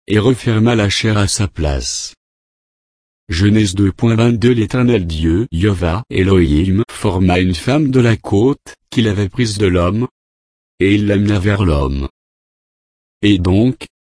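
A man preaching a Bible-study sermon, reading scripture verses and repeating divine names in a steady, measured cadence. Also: on the low side, dry recording, studio quality.

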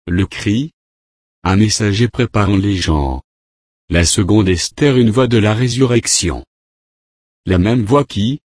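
A man preaching a sermon, reading scripture verses and quotes aloud in a measured, deliberate way. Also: fairly low pitch, a little mellow, no echo, studio quality.

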